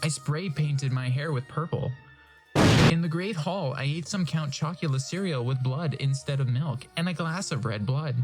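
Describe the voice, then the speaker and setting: Over music, a man gives a theatrical reading of fan fiction, interrupting his own narration with amused comments. He speaks at a moderate pace in a slightly high voice.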